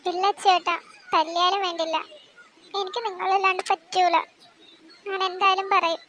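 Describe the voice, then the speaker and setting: A woman's voice: very high-pitched, level tone, normal speed, fairly bright tone, dull audio, a little hiss or hum. A young woman voicing a tearful, pleading teenage daughter.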